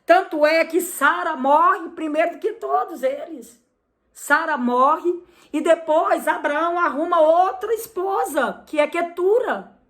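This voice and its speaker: High-voiced Brazilian woman preaching. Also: a little slow, a bit bright. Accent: Brazilian Portuguese. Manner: emphatic, asks and answers rhetorical questions. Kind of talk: sermon.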